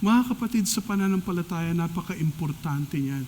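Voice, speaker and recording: A man with a Filipino accent preaching a sermon as pastor of a church, swinging between soft and emphatic delivery. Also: high voice, expressive, moderate pace. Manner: preaching in Tagalog-English code-switching, rising and falling emphasis. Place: church hall. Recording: long church hall reverb.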